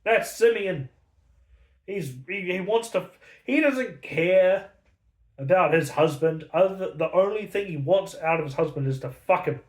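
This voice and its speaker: A man's voice: high-pitched, lively intonation, unhurried, reverberant. A man giving a casual, angry, sarcastic book review full of swearing.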